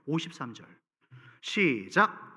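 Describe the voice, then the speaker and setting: Emphatic high-voiced pastor preaching. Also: male voice, big pitch swings, slow, pushed and bright, slightly rough. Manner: rising to emphatic peaks, asks the congregation questions. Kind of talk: sermon. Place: church sanctuary. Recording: reverberant church sanctuary.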